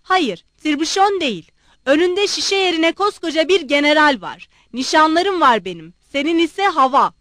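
A blustering, pompous old general bellows his indignation in loud, heated bursts, as a woman reader puts him on. The voice sits high and carries a dry, close sound. Every line comes out as a roar. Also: animated, normal speed, dry recording. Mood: scornful. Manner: roaring, indignant outbursts.

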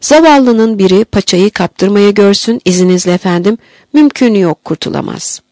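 A woman's voice: medium pitch, normal speed, dark tone, no room sound, close to an everyday voice. A woman voicing a loyal, talkative old male army corporal who speaks earnestly and deferentially to his officer. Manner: earnest, deferential, says "sir" often.

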